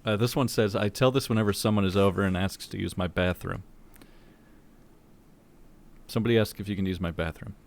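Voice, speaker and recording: A man's voice: fairly low pitch, steady tone, fairly quick, pauses often. A man on a casual podcast, reading jokes aloud to friends with laughing asides.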